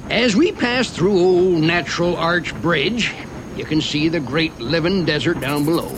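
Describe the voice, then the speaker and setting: A chatty frontier train guide with a rural Western American drawl. His voice sits high and swings freely up and down as he narrates a park ride with homespun, wry humor. Clear noise of the ride and animals runs behind him. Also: lively intonation, unhurried. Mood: folksy, wry. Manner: drawling, folksy dialect with chuckles. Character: folksy old-west mining train guide, chatty and wry.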